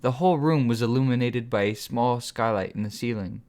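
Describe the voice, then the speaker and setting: A man, author and narrator, reading his own story in first person at a steady, measured pace. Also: mid-range voice.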